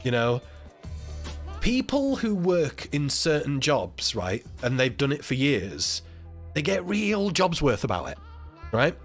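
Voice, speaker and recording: Animated man telling a story. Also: on the high side, takes it slowly, faint music behind. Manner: animated, acts out quoted voices, laughs often, swears. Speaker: live stream host. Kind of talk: casual storytelling chat.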